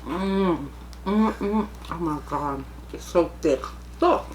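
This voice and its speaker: Slow-talking chatty woman. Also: on the low side, lively intonation, reverberant, slight background noise. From Brooklyn, New York. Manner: chatty, folksy, talks while eating. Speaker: mukbang vlogger. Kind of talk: casual eating chat. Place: home room.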